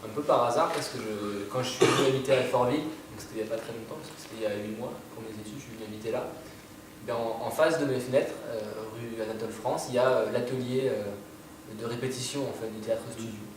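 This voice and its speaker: A man's voice: medium pitch, steady tone, quick pace. A young man, a student, hesitantly telling how he found an amateur theatre workshop, with many fillers. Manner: hesitant, repeats words and fillers. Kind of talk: casual spoken account. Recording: echoey room, far from mic, noise.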